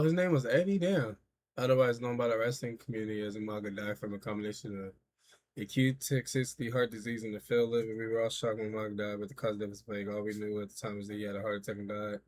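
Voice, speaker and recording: A man's voice: fairly low pitch, fairly even intonation, fast. A man in his thirties, a streamer, reacting casually and talking to his chat in loose, profane slang. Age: 30s.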